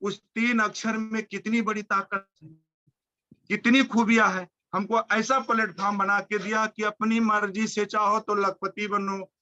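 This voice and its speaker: Fervent high-pitched man, lo-fi sound. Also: level tone, unhurried, bright, forceful tone. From India. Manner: fervent, repetitive chanting phrases. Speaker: motivational speaker. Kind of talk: high-energy motivational speech.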